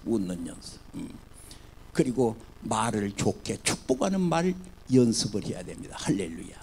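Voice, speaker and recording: Animated, gravelly-voiced Korean pastor preaching. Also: male voice, medium pitch, slight background noise. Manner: animated preaching, swinging from loud cries to soft murmurs. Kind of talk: sermon.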